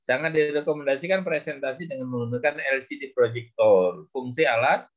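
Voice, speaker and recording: A man lecturing on public speaking, with many short fillers and a measured, explaining manner. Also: medium pitch. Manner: slow, with frequent "ya" and "gitu ya" fillers. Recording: dull lo-fi recording.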